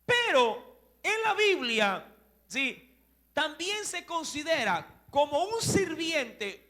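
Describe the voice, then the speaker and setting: A man preaching a sermon, explaining Greek words and asking his listeners rhetorical questions in a slow, deliberate way. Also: extremely high pitch, sing-song, sharp tone. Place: church.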